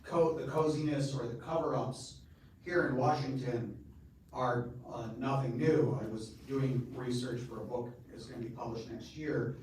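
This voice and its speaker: A man's voice: mid-range voice, fairly even intonation, moderate pace, darkish tone, distant mic, a little hiss or hum. A man on a panel, talking in a chatty, anecdotal way. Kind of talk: panel discussion. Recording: echoey hall audio from afar.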